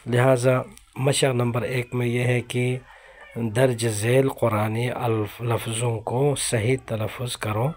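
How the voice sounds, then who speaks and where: A male religious teacher giving a recorded lesson. He explains steadily, uses frequent fillers, and drags out each example word slowly to model how it is pronounced. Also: medium pitch, level tone.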